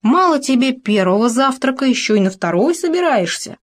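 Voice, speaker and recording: A woman's voice: moderate pace, close to an everyday voice. A woman voicing a stingy, easily frightened male gopher who tries on polite manners. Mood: indignant. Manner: high, excitable, grudging.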